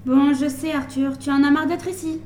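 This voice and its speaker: A woman's voice: high voice, steady tone, normal speed, darkish tone, slight background noise. A woman in a comic role, giving brusque, bossy orders. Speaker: comic player, lead role. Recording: echoey room.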